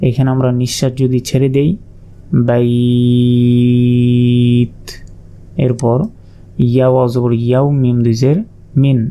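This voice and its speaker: Male Quran reading tutor, very dark mellow voice, flat even delivery, spells letters and stretches demonstration words. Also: mid-range voice. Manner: spells out letters slowly and draws out vowels in long, drawn-out demonstration words. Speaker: Quran recitation teacher. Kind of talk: step-by-step Quran reading lesson.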